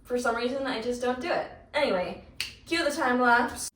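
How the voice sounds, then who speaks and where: A woman's voice: a little high, animated, moderate pace, a bit bright, far from the mic. A teenage girl who is sick, chatting casually and rambling in a home vlog. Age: teens. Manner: chatty, rambling, self-deprecating. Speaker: vlogger. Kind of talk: casual vlog talk to camera. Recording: echoey room, voice from off mic, faint noise.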